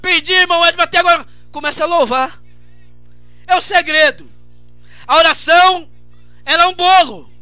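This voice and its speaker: High, bright-voiced Brazilian pastor preaching. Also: male voice, normal speed, pauses often, no echo, soft background music. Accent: Brazilian Portuguese. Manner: impassioned preaching with shouted repetitions. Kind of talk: radio sermon.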